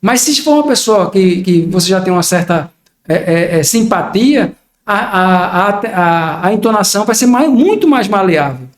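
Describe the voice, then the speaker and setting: In an echoey room, an older male podcast guest speaks at normal speed in a high voice with lively intonation. Reflective in manner, he illustrates his points by acting out everyday scenes during the casual conversation.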